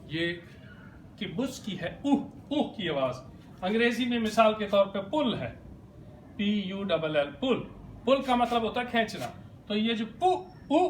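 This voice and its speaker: A man with a high voice teaches at an unhurried pace, repeating every sound patiently and stopping to quiz his listeners. He sounds like a pastor leading a careful classroom lesson. The recording is echoey, with a faint hum of noise behind him. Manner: patient, repeats each sound several times and quizzes the viewer. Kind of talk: slow classroom explanation.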